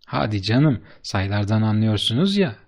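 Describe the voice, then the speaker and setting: A man voicing an eager, flattering bearded businessman who speaks with emphatic enthusiasm in an audiobook. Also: fairly low pitch, moderate pace. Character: eager, fast-talking bearded businessman, middle-aged man.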